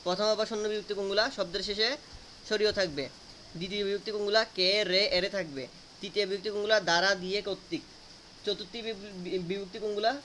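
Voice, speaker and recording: A man's voice: high-pitched, fairly even intonation, brisk, sharp tone, a little hiss or hum. A man teaching a grammar lesson, asking students questions and repeating answers to drill them.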